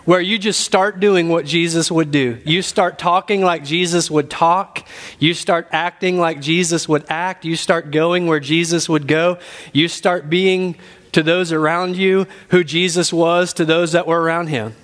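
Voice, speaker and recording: A man's voice: a little high, steady tone, a little slow, a bit bright. A man preaching a sermon as a pastor, addressing his listeners directly and repeating key phrases for emphasis. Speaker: pastor teaching a congregation.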